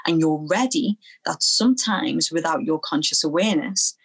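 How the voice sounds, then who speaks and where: A young woman from Liverpool, speaking as an interview guest, earnest and halting, often repeating phrases as she recalls her past. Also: low voice, expressive, husky, low-quality recording. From Liverpool, England. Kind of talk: personal testimony in an interview.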